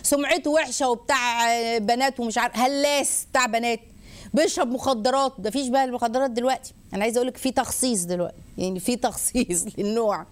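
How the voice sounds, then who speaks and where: A woman with an Egyptian Arabic accent hosting a religious advice talk, lively and rhetorical, listing points and mimicking people. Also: a little high, fast talker. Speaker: host.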